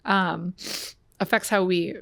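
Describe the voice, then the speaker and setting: A woman who owns a fitness gym, a guest on a podcast, talking in an energetic, wordy, casual way with plenty of fillers. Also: on the low side, vocal fry, no room sound. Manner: energetic, wordy, fast storytelling with lots of fillers. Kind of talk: casual conversational interview.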